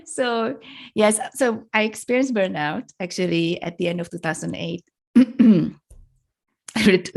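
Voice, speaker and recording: Reflective woman from Indonesia, lowish voice. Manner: reflective, laughs often, restarts sentences. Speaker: podcast guest. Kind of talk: casual interview conversation.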